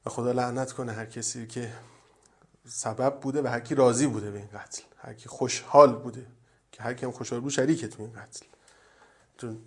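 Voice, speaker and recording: A cleric gives a religious lecture full of stories, frequently dropping into a soft, low voice.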